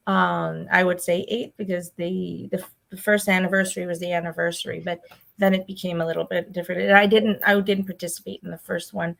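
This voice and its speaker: A woman's voice: fairly low pitch, level tone, fairly quick, creaky, low-quality recording. A woman hosting a casual fan chat over a video call, talking in a chatty, rambling way. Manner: chatty, rambling, laughs often. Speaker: host.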